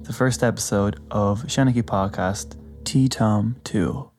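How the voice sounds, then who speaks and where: A man with a fairly low voice introduces his podcast. He speaks as the host in a prepared opening, with spooky music playing underneath. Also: a little slow, a little mellow. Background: spooky background music.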